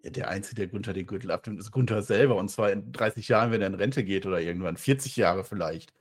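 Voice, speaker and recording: A man co-hosting a wrestling review podcast, recapping the show as an animated storyteller. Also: fairly low pitch, fast.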